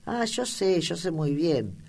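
A woman's voice: fairly low pitch, sing-song, slow pace, a little mellow, exaggerated voice. A woman reading an audiobook, voicing an earnest, affectionate young country girl with rustic speech.

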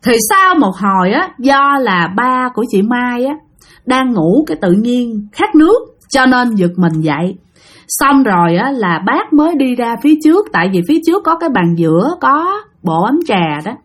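Southern Vietnamese woman, ghost story narration, animated, fairly high voice. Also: moderate pace. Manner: lively, dramatic, addresses listeners directly.

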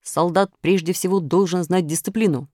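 A woman's voice: lowish voice, steady tone, normal speed, dark tone, dry recording, studio quality, close to an everyday voice. A woman voicing a strict, reproachful male toy soldier in a storybook. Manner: stiff, reproachful.

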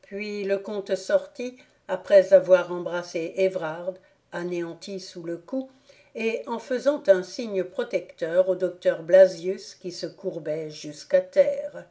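A woman narrating a classic novel as an audiobook, calm and measured. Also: lowish voice.

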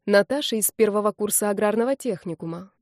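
A woman narrating an audiobook in the first person, in an expressive storytelling manner. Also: mid-range voice, brisk, no room sound, clean studio sound.

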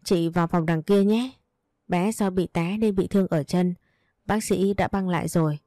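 A woman's voice: lowish voice, normal speed, mellow, dry recording, studio quality, lightly acted. A woman voicing a polite, matter-of-fact female nurse in a read-aloud story. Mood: brisk.

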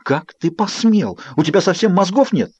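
A man's voice: high voice, sing-song, normal speed, a little mellow, slightly rough, no echo, highs cut off, voice pushed up, full character voice. A man reading an audiobook voices an enraged young woman vampire who snarls and hisses at someone who wronged her daughter. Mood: furious. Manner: snarling, hissing, shrieking outbursts. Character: furious young woman vampire, new mother.

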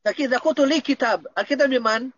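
A man's voice: very high-pitched, very fast, fairly bright tone, dull audio, slight background noise. A man teaching Arabic grammar in an online lesson, patiently explaining and checking that students understand.

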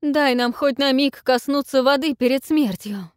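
An aging sea queen and grandmother, desperate and wailing, who pushes her voice high and strained as she begs, as a woman reader plays her. The recording is dry and close. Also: moderate pace, no echo, close to an everyday voice. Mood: pleading.

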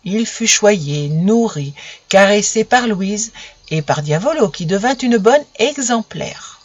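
A woman narrating a children's storybook gently, speaking directly to her young listeners, on a dull lo-fi recording. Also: mid-range voice, animated, slow pace, no room sound. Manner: gentle, intimate address to children.

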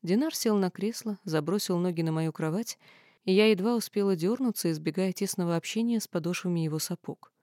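Female audiobook narrator, wry and expressive, low dark voice. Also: a little fast, no echo, clean studio sound. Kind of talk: first-person audiobook narration.

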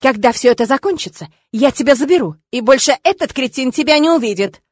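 A woman's voice: sits high, lively intonation, fast, slightly rough, dry recording, clean studio sound, voice pushed up. A woman voicing a hot-tempered older father, a former officer, who barks and blusters in an audiobook. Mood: commanding. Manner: loud, barking, blustering.

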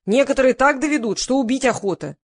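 A woman's voice: high-pitched, quick pace, voice pushed up. A woman voicing a male TV showman who talks in a barking, theatrical way. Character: smooth-talking male TV showman.

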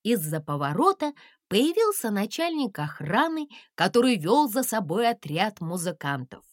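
A woman reading a children's storybook aloud in an expressive, measured way. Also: mid-range voice, no room sound, studio quality. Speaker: audiobook narrator. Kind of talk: scripted storybook narration.

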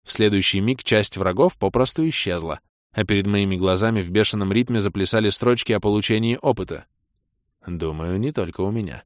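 A man narrating a fantasy novel in the first person, with wry, lively storytelling. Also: fairly low pitch, brisk, no echo, studio quality. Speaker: audiobook reader.

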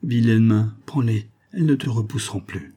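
A man's voice: on the low side, moderate pace, warm tone, husky. A man playing an ardent young lieutenant in love in a storybook reading, speaking fervently and pleadingly.

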